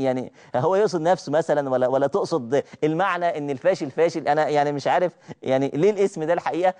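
A man's voice: fairly high pitch, a little mellow. A man with an Egyptian accent hosting a live TV talk show, reading viewer names with chatty asides. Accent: Egyptian Arabic. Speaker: TV show host. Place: TV studio.

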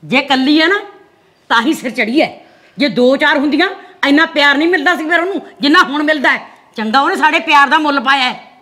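A woman's voice: sits high, fairly quick, pushed and bright. A woman playing a fierce, scolding village mother. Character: stern older village mother, harsh and threatening. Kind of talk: rural Punjabi web drama acting.

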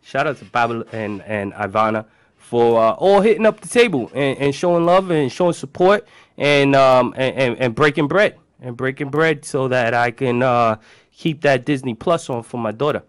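A man's voice: mid-range voice, expressive, moderate pace, smooth, no echo. A man in his thirties with a Brooklyn accent hosts a radio show from a studio, bantering casually in slang, swearing and repeating his phrases. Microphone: close studio microphone with headphones.

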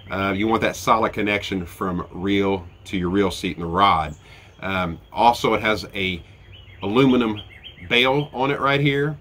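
On an outdoor deck with the mic close, a fishing channel host in his forties talks through gear in a casual, step-by-step review full of fillers. His voice is on the low side and a bit bright, stuffy and nasal from a head cold, with a faint hiss or hum.

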